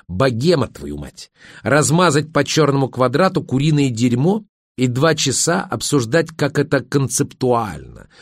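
A man putting on a scornful, sharp-tongued wife. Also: on the low side, no echo, studio quality. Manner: scornful, biting. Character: angry sharp-tongued wife, young adult woman.

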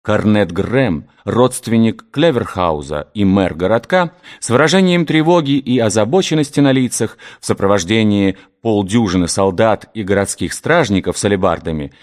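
A man's voice: on the low side, expressive, normal speed, few pauses. A man reading a historical novel aloud as narrator, voicing the characters expressively.

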